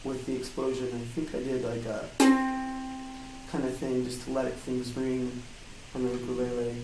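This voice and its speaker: A man being interviewed, explaining his work in a casual, halting way in a hard-walled office with a metallic flutter echo. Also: mid-range voice, completely flat delivery, over loud music. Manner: hesitant, halting, loosely worded. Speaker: game audio designer being interviewed. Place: small hard-walled office in co-working space. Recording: roomy flutter echo, distant mic, faint noise.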